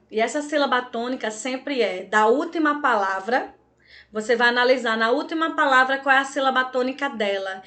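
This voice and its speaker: A Portuguese teacher with a Brazilian accent gives an online class, pausing every few lines to check on her students with "tá, gente?" and "certo?". Her voice is high and fairly bright.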